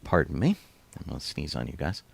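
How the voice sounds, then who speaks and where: A man with a low, gravelly voice talks in a casual podcast chat, and his pitch swings widely as he tells rambling stories with a chuckle. The sound is dry and close, with no room echo. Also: huge pitch swings, brisk. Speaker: podcast co-host.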